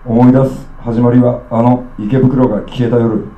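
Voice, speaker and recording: A man from Okayama performing his own poetry live, with rough, streetwise declamation. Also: medium pitch, level tone, moderate pace, reverberant, narrow, tinny audio. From Okayama, Japan. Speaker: spoken-word poet. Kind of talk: live spoken-word poetry reading.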